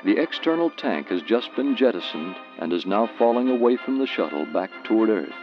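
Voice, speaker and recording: A man narrates a scripted documentary in a measured, explanatory manner. His pitch moves in a lively way, on a dull archival soundtrack with faint music.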